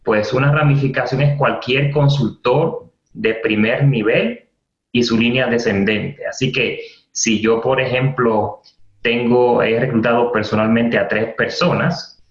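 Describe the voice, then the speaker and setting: A man's voice: medium pitch, fairly even intonation, measured pace. A man leading a training webinar, explaining terms patiently with many fillers and restarts, repeating key points. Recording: roomy, dull lo-fi webinar audio.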